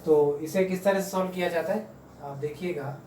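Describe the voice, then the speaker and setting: Man, math teacher, patient, slow repetition, slightly high voice, off-mic, faint background hum. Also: dark tone, reverberant, recorded from a distance, low-quality recording. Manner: patient, repeats numbers slowly. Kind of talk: home math lesson for kids. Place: room at home.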